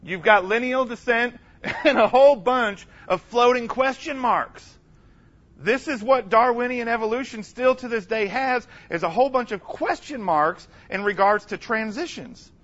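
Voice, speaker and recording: A man giving an energetic, humorous conference lecture, emphatic and calling out to the audience for responses. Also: very high-pitched, normal speed, highs cut off. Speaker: conference speaker.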